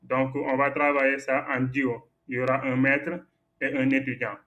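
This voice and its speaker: A man's voice: mid-range voice, flat delivery, moderate pace, a bit bright, muffled recording. A man teaching a Quran recitation lesson, patiently correcting a student's errors and repeating the right forms, with frequent hesitations.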